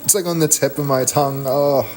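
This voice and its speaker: A man's voice: mid-range voice, steady tone, fairly quick, a little mellow, soft background music. A man streaming from home, delivering a heated, profane, rambling rant into a desk mic. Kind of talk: ranting stream talk.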